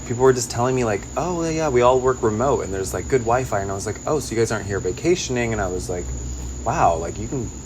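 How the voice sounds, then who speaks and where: An animated, fast-talking man with a mid-range voice answers interview questions, sprinkling his casual replies with "like." He's a Los Angeles singer-songwriter and digital nomad with a Californian American accent. There's background noise in the recording.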